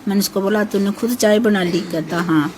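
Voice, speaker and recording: In an emotional interview, the mother of a missing man, an older woman with a naturally harsh voice, talks at normal speed in a medium-pitched, darkish tone. She sounds anxious and pleading and keeps repeating herself, with a slight hiss or hum audible.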